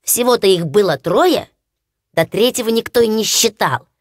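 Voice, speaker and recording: A woman narrating a fairy-tale audiobook in an expressive storytelling manner. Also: medium pitch, moderate pace, no echo, studio quality.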